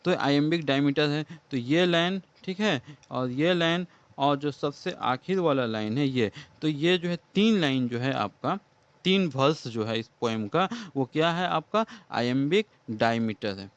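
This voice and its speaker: Male teacher, lesson voice, higher pitch, smooth clear tone, dull lo-fi recording. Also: lively intonation, unhurried, dry recording. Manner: explains step by step, asks and answers his own questions. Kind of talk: classroom lesson explaining a poem. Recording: dull lo-fi sound.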